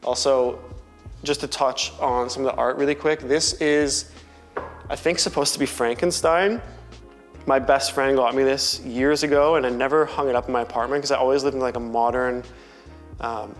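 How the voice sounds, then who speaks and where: A man's voice: mid-range voice, moderate pace, faint music behind. Chatty young man touring his loft. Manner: chatty, relaxed, full of "like" and "um" fillers. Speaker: vlogger giving a home tour. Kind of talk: casual home tour talk. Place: large loft apartment indoors.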